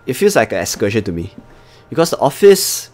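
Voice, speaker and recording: A Singaporean livestream host with a Singaporean accent talks to viewers while he plays, chatty and casual. His voice is medium-pitched and darkish, brisk, with a sing-song lilt.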